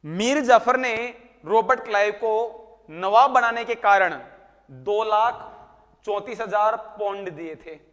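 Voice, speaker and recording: A man's voice: high-pitched, takes it slowly, fairly bright tone, in a large hall. A male teacher giving a history lesson to a class, teasing students and asking questions that he then answers himself. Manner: teasing, talks to students by name.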